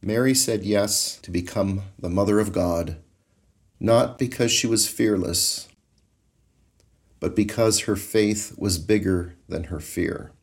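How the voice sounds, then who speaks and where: Slow, deep-voiced man guiding meditation. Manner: calm, slow, measured, soothing. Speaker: meditation guide.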